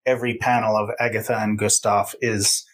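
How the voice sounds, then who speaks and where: A man playing in a collaborative story game, making relaxed, amused asides. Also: fairly low pitch, brisk, slight background noise, low-quality recording. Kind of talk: casual chat in a story game.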